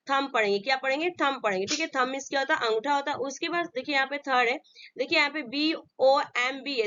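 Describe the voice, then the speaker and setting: High bright-voiced woman teaching a lesson. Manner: repetitive question-and-answer teaching. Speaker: English teacher. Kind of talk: classroom lesson. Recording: dull lo-fi recording.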